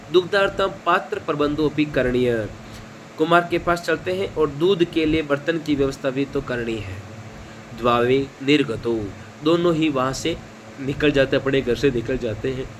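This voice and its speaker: A man's voice: fairly high pitch, a little hiss or hum. A man teaching a lesson, reading each phrase and then explaining it line by line. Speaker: Sanskrit teacher.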